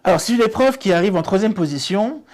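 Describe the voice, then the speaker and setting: A middle-aged man, a test-prep director and author, explaining exam strategy in an interview with frequent restarts and lively emphasis. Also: high-pitched, quick pace.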